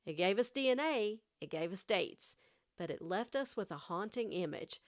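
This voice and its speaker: A woman with a country accent, hosting her own podcast and narrating a scripted, hushed, dramatic mystery story into a studio mic. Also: mid-range voice, lively intonation, moderate pace, dry recording. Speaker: podcast host. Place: home studio.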